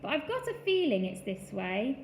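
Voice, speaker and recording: Woman plays a small, helpful squirrel boy, high-pitched, for a storybook. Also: huge pitch swings, normal speed, echoey room, a little hiss or hum, full character voice, low-quality recording. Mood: unsure. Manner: helpful, cheery. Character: small eager male squirrel helper.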